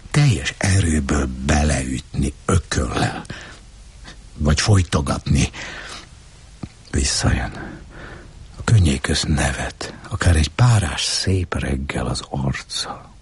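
Hushed, very breathy low-voiced man. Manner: hushed, often whispered narration. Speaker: narrator. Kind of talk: literary reading.

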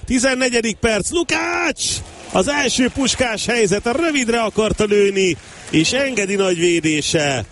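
A man giving excited Hungarian sports commentary on a football match, bursting into shouts at the big moments. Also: sits high, slight background noise.

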